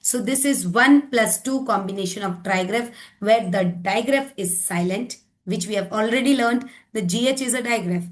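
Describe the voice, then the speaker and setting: Slow, deliberate woman teacher. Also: medium pitch. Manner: explanatory, often checks with "right?" and "okay?"; mixes Hindi and English. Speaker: teacher trainer. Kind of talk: online phonics lesson.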